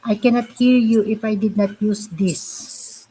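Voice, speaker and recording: A woman chatting casually in halting, non-fluent English, often repeating herself. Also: medium pitch, steady tone, mellow, breathy edge, poor audio. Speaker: live stream host. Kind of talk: casual chat. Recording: faint background noise.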